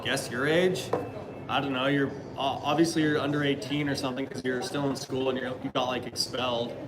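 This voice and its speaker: A man in his thirties talks loosely to his live-stream viewers in a middle-pitched voice. He rambles and hedges, with many fillers and restarts. A steady noise runs under the recording. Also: brisk. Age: 30s. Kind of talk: casual live-stream chat reading viewer comments.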